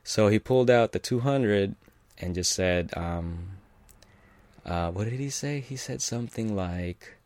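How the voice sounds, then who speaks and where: A man's voice: fairly low pitch, measured pace, a little mellow. A man from California telling a personal story in a loose, rambling way, with many fillers, restarts and chuckles. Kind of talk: casual personal anecdote.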